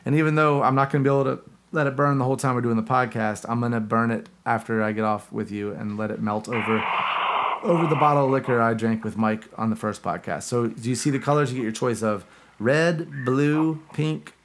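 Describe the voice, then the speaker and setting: Male podcast host, rapid and rambling, casual delivery over a video call. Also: mid-range voice, background noise. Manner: rambling, loose and chatty. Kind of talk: casual chat.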